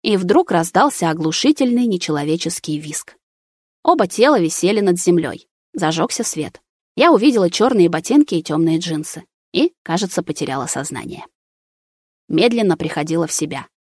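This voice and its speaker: A woman's voice: on the low side, expressive, moderate pace, darkish tone, breathy edge, no room sound, clean studio sound. A woman narrating a first-person story aloud in a tense, dramatic way. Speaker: audiobook narrator.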